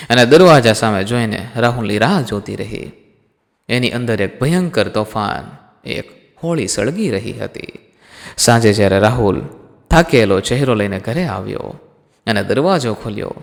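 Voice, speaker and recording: A man's voice: fairly low pitch, creaky. A man narrating a scripted emotional story dramatically, calling listeners his friends. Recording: long hall reverb.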